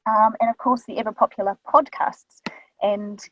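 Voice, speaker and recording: A New Zealand woman, a voice artist appearing as a guest, explains her work in chatty, casual talk full of ums. She speaks at normal speed in a medium pitch with fairly even intonation, into a studio mic in a small vocal booth, producing a dull, dry sound with no room echo.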